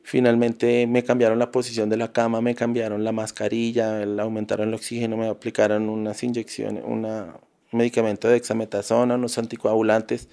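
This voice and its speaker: A man's voice: lowish voice, completely flat delivery, brisk, mellow. A Colombian man, a podcast guest, tells a personal story in a vivid, intense way with frequent restarts. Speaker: interview guest.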